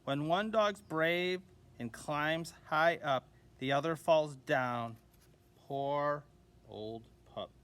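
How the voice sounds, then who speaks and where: A man reading a children's picture book aloud as a teacher, gently and expressively, giving the dogs little voices. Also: on the high side, takes it slowly, smooth. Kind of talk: children's storybook read-aloud.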